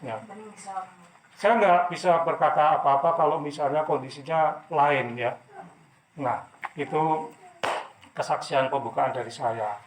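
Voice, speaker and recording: A man's voice: fairly high pitch, unhurried, pauses often. A man preaching and telling a personal testimony in a loose, repetitive way. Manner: loose, repetitive talk with many fillers. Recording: echoey room.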